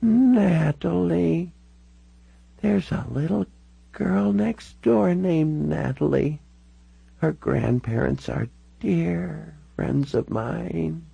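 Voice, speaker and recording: A man voicing a frail, confused 96-year-old Canadian woman in an audiobook, speaking in a slow, wandering, quavering way. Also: fairly high pitch, gravelly, slightly rough, no room sound, muffled recording, pitched above the performer's own voice, heavily acted. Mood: confused, gentle. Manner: drawn-out, wandering speech. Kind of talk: audiobook character voice.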